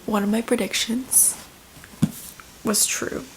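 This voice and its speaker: A woman's voice: fairly high pitch, steady tone, takes it slowly, rough recording. A young woman vlogging casually about her reading, chatty and gushing in her reactions. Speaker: book vlogger. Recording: music playing under the voice.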